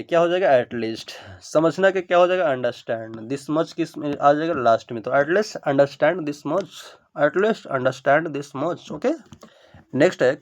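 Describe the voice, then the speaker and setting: Guy teaching english in hindi, slightly high voice, says each phrase real slow twice, lots of okays. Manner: repeats English sentences slowly, word by word; frequent ok and now look fillers. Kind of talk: spoken English lesson in Hindi.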